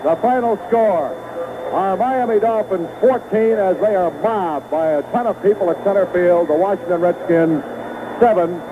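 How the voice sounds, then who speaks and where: Here a man with a high voice speaks at normal speed, giving live radio play-by-play of a football match. He calls each play as it happens in clipped bursts, heard through a noisy, phone-like vintage broadcast.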